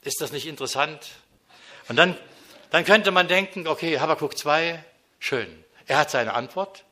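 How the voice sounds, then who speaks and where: A man preaching a sermon in speech, earnest, moving between emphatic declarations and hushed, intimate passages. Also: on the high side, moderate pace.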